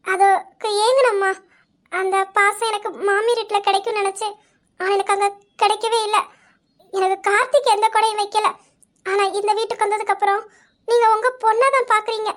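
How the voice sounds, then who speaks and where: A woman's voice: very high-pitched, a bit bright. A woman playing a tearful young daughter-in-law. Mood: pleading. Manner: tearful, pleading.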